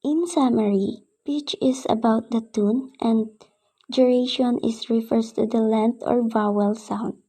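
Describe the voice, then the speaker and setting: A woman's voice: on the high side, steady tone, measured pace, warm tone, slightly rough. A woman reading out a class presentation in short phrases, going through definitions and examples. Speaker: student presenter.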